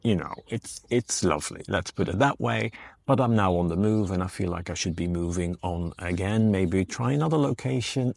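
This fifty-something van life vlogger talks easily to the camera by a parked van and beach shelter, his tone soothing, reflective and conversational. He has a low, creaky voice with a breathy edge, and there's no room sound.

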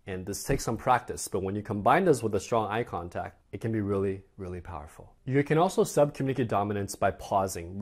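A man's voice: on the low side, a little mellow. A man teaching a dating course lesson in a conversational way, acting out example dialogues. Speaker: dating coach.

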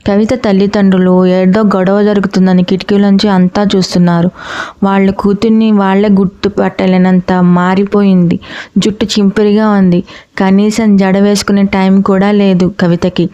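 A woman's voice: medium pitch, flat delivery, moderate pace, mellow, clean tone. A woman reading a family drama story aloud, speaking each character's lines in her own voice. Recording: muffled lo-fi recording.

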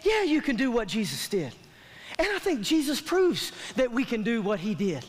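With huge pitch swings in a very high-pitched voice, a man preaches at normal speed as a pastor. His sermon is emphatic, colloquial and repetitive and calls for response, delivered on a large indoor church auditorium stage where the sound system creates a long hall reverb.

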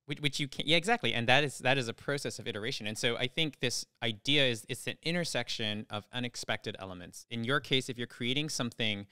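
A man's voice: mid-range voice, fast, few pauses, pushed and bright, clean tone, no echo. A man in his thirties brainstorming ideas in a casual studio conversation, thinking aloud with frequent restarts. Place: studio with brick walls. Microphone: studio mic on boom arm, headphones.

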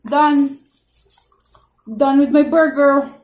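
A woman's voice: sits high, steady tone, very slow. A woman, a mother chatting casually with viewers and coaxing her child during a family eating video. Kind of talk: casual mukbang chat to viewers. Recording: roomy echo.

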